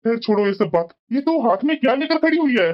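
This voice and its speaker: An elderly father-in-law from a cartoon, voiced by a woman in a high voice, teasing and doting on his wife. The sound is dull and lo-fi. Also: lively intonation, quick pace, natural voice. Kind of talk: cartoon voice acting.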